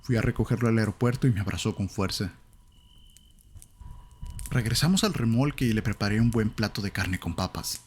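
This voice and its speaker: Male narrator, low voice, Latin American Spanish accent, calm measured horror storytelling, faint hiss in the recording.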